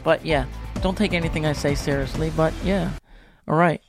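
A man's voice: a little high, steady tone, moderate pace, music in the background. Loose, joking young male radio host. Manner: loose, joking, profane and rambling. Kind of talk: casual live internet radio chat. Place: at home.

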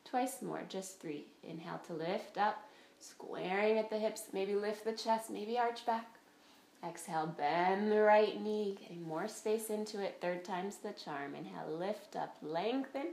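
A woman's voice: mid-range voice, unhurried, vocal fry, darkish tone, a little hiss or hum. A woman teaching a guided yoga class, giving step-by-step directions and breath counts. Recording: roomy echo, faint music behind.

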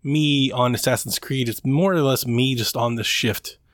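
A man's voice: mid-range voice, steady tone, moderate pace, a bit bright, dry recording, clean studio sound. Frustrated man venting on a podcast. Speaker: podcast co-host. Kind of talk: casual chat.

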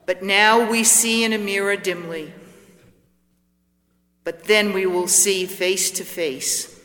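High-voiced man reading slowly in cathedral echo. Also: steady tone, pushed and bright. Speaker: lector at Mass. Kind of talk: formal scripture reading. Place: large reverberant church. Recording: long echoing reverb of large church.

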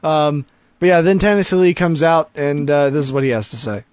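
A man's voice: fairly high pitch, fairly quick, a little mellow, no room sound. A man co-hosting a podcast, recapping a wrestling show in a chatty way with easy laughter and many fillers. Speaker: podcast co-host.

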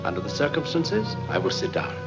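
A smooth-talking, wry police captain in a 1940s film, his voice rising and falling with lively play. The sound is dull, like an old film soundtrack, with loud music behind him. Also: a little high, fairly quick. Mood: cornered. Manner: dry, polished delivery of one-liners. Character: suave, witty middle-aged male police captain.

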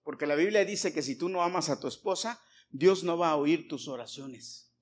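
Emphatic high-voiced pastor preaching. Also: male voice, normal speed. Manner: emphatic, repeats points and questions the congregation. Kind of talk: sermon. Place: church before a congregation.

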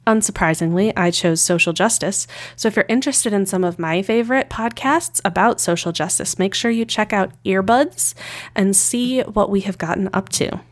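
A woman's voice: mid-range voice, normal speed. Chatty woman podcast co-host. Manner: chatty, informal, self-deprecating. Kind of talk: casual podcast intro narrated alone.

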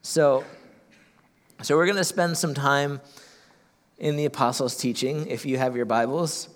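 A man's voice: medium pitch, steady tone, a little slow. Earnest male pastor in reverberant church. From Ohio, USA. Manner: earnest, repeats words as he restarts. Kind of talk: sermon. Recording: long hall reverb.

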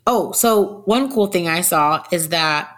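A woman's voice: lowish voice, expressive, takes it slowly, a bit bright. A young adult woman hosting a casual chat in an informal, conversational way. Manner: informal, peppered with "like". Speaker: podcast host.

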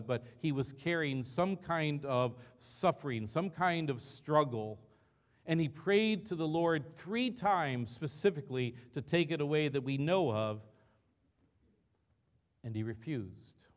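Male pastor, mid-pitch voice, earnest conversational sermon delivery in a church. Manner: earnest, conversational preaching with rhetorical questions.

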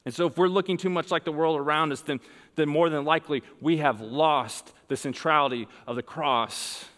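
A man in his thirties preaching a sermon, earnest, moving between emphatic points and quiet, casual stories. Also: fairly high pitch, moderate pace. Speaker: pastor. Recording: long hall reverb.

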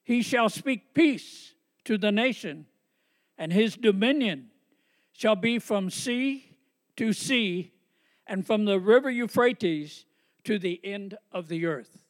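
Guy reading bible at a pulpit mic, big high preacher voice, really echoey church hall. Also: animated. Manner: slow, proclaiming delivery. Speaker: pastor and missionary reading scripture. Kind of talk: formal scripture reading aloud. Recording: long hall reverb.

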